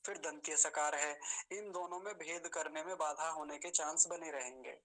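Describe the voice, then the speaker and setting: A patient, polite man teaches mantra pronunciation in an online class, speaking to his students respectfully. His bright, forward voice sits a little high with fairly even intonation, and he stretches out hard words, repeating them slowly syllable by syllable. The audio quality is poor.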